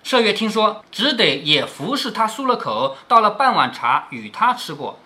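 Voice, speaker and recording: A man's voice: sits high, sing-song, normal speed, sharp tone. A middle-aged man reading a classic novel aloud to his daughter, stopping often to explain and asking rhetorical questions.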